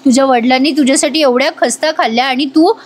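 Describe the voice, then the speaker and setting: A distraught elderly mother, confused and loud, wails her insistence in a high, strained voice, as a woman narrator puts her on. Her speech is slow and pleading at moments. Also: natural voice.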